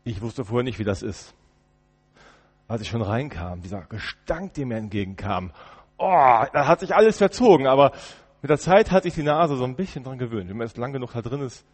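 A man's voice: medium pitch, lively intonation, fairly quick, breathy edge. Dramatic male preacher in an echoey church. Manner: dramatic, swinging between loud outbursts and hushed murmurs. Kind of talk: first-person dramatic sermon monologue.

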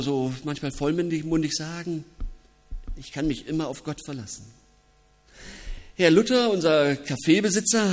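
A man preaching a reflective, personal sermon as pastor, with thoughtful pauses. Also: a little high. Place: church. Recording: long reverb of a church.

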